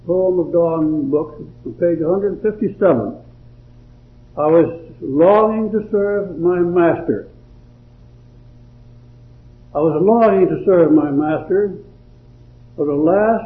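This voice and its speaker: A man preaching a sermon and reciting a devotional poem in a slow, deliberate, measured way. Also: a little high. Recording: tinny phone-like old recording.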